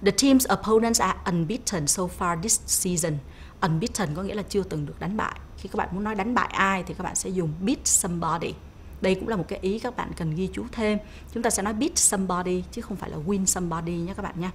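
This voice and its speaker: A woman with a Vietnamese accent, teaching English vocabulary on an educational TV lesson, saying English words slowly and clearly and explaining them more quickly. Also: medium pitch, slight background noise. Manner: slow clear English drills, quicker asides. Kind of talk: bilingual classroom lesson on TV.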